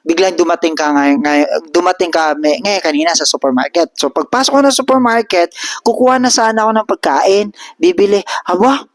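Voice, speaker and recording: A man in his vlog, recounting a street encounter with lively, mid-range energy. The sound is dry and close, with no room around it. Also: sits high, brisk, dry recording. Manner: animated, switches between Tagalog and English. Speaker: vlogger. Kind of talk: casual storytelling.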